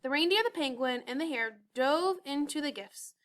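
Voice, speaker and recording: A woman reading a children's storybook aloud, gentle and expressive. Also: high voice, normal speed. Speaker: narrator.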